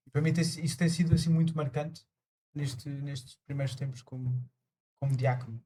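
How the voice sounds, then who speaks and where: A man, a deacon preparing for priesthood, speaking slowly and reflectively with many pauses and fillers. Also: mid-range voice, steady tone, warm tone, a little hiss or hum. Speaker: transitional deacon, guest. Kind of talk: casual conversation.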